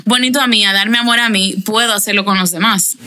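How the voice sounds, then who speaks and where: A woman's voice: medium pitch, fairly even intonation, a little fast, sharp tone. A young woman, talking reflectively as a podcast guest over a video call, repeating phrases and restarting.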